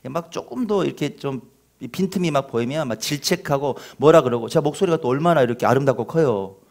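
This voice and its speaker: A middle-aged man preaching a sermon as a pastor, with lively questions to the congregation and touches of self-mocking humor. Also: medium pitch, quick pace, creaky. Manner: animated, acts out scolding parents in a shouting voice.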